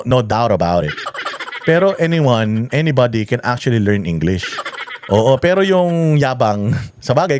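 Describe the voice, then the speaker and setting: A man's voice: on the high side, noisy background. Profane, mocking male political commentator. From Philippines.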